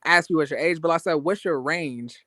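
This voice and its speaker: A man's voice: a little high, fairly quick, sharp tone, no room sound, clean studio sound. A man in his twenties in a casual gossip chat, asking curious questions with many restarts. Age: 20s. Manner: curious, hesitant, full of restarts.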